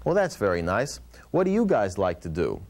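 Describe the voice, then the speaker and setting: A man's voice: lowish voice, huge pitch swings, moderate pace, darkish tone. A man hosting a puppet show as the ventriloquist straight man, asking questions in a patient, instructive way. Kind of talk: scripted puppet show patter.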